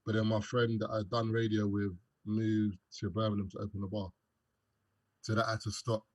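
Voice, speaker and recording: Speaking at an ordinary pace, this young Londoner has a fairly low, rather flat voice with little rise and fall. He's a guest on a podcast, keeping the interview chat relaxed, cracking jokes and leaning heavily on fillers.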